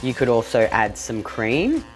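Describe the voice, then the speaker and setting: A woman's voice: extremely low pitch, very animated, a little slow, soft background music. A woman hosting a cooking vlog from her home kitchen, stuffed up and nasal from a cold, chatting casually and swearing freely.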